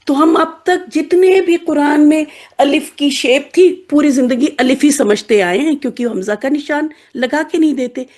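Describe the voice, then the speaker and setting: In a classroom lesson on Arabic letters, a woman with a notably high, slightly mellow voice explains patiently, turning the letters into little characters with playful examples and frequently checking that her students follow.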